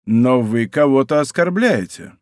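A scheming young nobleman who flares quickly, his voice climbing and sharpening as he taunts, as a male reader plays him. The sound is dry and close, with a plain middle-pitched base. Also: expressive, no echo, close to an everyday voice. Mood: defiant. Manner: raised, heated, taunting delivery. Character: hot-tempered young nobleman, scheming and sneering. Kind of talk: audiobook character voice.

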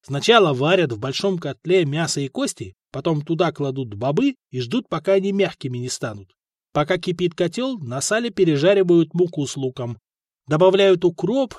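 A man's voice: a little high, no room sound, studio quality. Man doing a shrewd, knowing street trader. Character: street-smart male trader, shrewd, businesslike.

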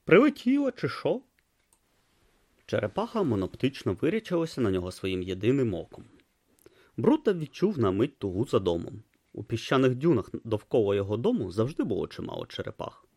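A man narrating a comic fantasy novel as an audiobook, in an expressive storytelling read. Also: fairly low pitch, fairly quick, slightly rough, dry recording, clean studio sound.

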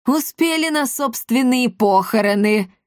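A woman's voice: on the high side, lively intonation, measured pace, no room sound, studio quality, pitched above the performer's own voice. Brief: woman narrator doing a haughty villain emperor, menacing and scornful, storybook tale. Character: cruel haughty male emperor.

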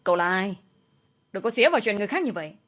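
A woman's voice: big pitch swings, fairly bright tone. A woman voicing a vicious older woman who hurls abuse, in a storybook reading. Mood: furious. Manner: shrill, fast, abusive.

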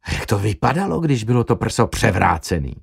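A man voicing a curious, teasing young man, speaking a little lower and slower in a wry way. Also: very animated, creaky, breathy edge, no room sound, clean studio sound, full character voice.

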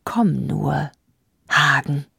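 A woman's voice: mid-range voice, sing-song, normal speed, no room sound, studio quality, voice pushed up, lightly acted. A woman voicing a proud, vengeful queen who answers with cold, cutting scorn in an audiobook reading. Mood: menacing whisper. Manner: scornful, sharp retorts. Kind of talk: audiobook character voice.

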